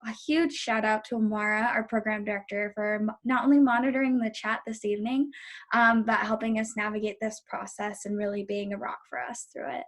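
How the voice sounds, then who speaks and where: A woman's voice: medium pitch, steady tone, brisk, fairly bright tone. A woman co-hosting a virtual ceremony, casually thanking the committee and sponsors. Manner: friendly, casual, grateful. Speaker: ceremony co-host and organizer. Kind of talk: thank-you remarks. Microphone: video call.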